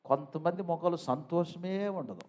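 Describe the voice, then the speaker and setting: A pastor preaching a sermon in church, often asking his congregation to answer loudly, swinging from soft, slow lines to loud, emphatic bursts. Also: fairly high pitch. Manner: calls on the congregation to answer aloud.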